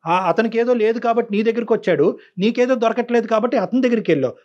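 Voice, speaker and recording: A man's voice: very high-pitched, fast talker, highs cut off. A man counseling a caller on a call-in show, stern and preachy, repeating phrases for emphasis. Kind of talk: lecturing advice to a caller.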